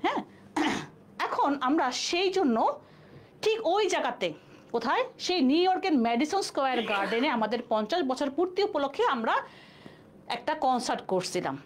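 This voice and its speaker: A woman's voice: high voice, big pitch swings, a little fast, a little hiss or hum. A woman teaching a live online exam-prep class, explaining step by step and asking and answering her own questions.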